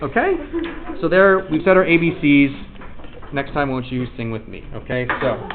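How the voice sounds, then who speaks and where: A man's voice: on the high side, expressive, moderate pace. A man teaching a class, casually calling on students one by one and encouraging their answers. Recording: tinny lo-fi recording with class chatter. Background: students chattering.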